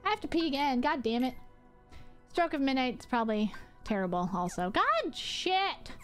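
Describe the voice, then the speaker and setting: A young woman giving casual, irreverent, joking commentary as she plays a video game, with an expressive, playful manner. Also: high-pitched, normal speed, faint music behind. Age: young adult. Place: indoor room, webcam view.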